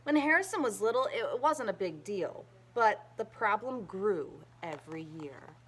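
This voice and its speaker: A woman reading a children's picture book aloud in an expressive, emphatic storytelling manner. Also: mid-range voice, normal speed, slight background noise.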